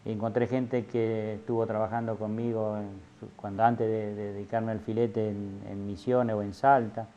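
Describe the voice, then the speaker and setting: A middle-aged filete artisan from Santa Fe speaks in an Argentine Spanish accent, his fairly low voice flat and at normal speed. In this casual interview testimony he tells his story with lots of fillers and restarts. The lo-fi audio sounds dull, with slight background noise.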